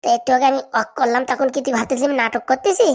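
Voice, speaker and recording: Lady playing a goofy village sidekick guy, talks fast, all worked up. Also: sits high, animated. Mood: excited. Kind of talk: comedy cartoon dubbing.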